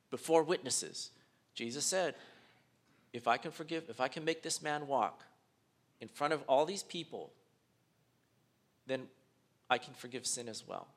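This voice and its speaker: A man's voice: mid-range voice, a bit bright. A man preaching a sermon as pastor, talking conversationally with fillers and restarts and dropping his voice to act out quoted speakers.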